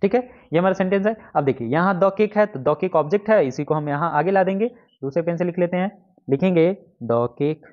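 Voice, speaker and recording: This exam-prep grammar lesson comes from a male English teacher whose voice sits high and moves fairly quickly. He explains each step, repeats his own questions, and writes examples as he goes; the recording is dull and lo-fi.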